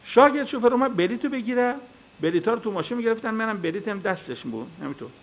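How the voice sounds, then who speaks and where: A male cleric giving a sermon, telling stories and acting out the dialogue in them. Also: sits high. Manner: storytelling with acted dialogue, animated. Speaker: cleric and preacher. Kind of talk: sermon with anecdotes. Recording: tinny phone-like sound.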